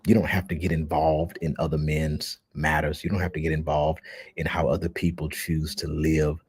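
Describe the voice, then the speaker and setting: Speaking at a normal speed in a very deep, slightly mellow voice with little pitch movement, a man addresses his followers as a social media host. It's a casual, emphatic, indignant monologue sprinkled with frequent fillers.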